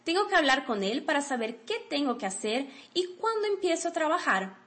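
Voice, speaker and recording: A woman's voice: sits high, big pitch swings, brisk, fairly bright tone. A woman reading a friendly new female employee's lines from a textbook dialogue in a plain, courteous way. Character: friendly young woman starting a new job.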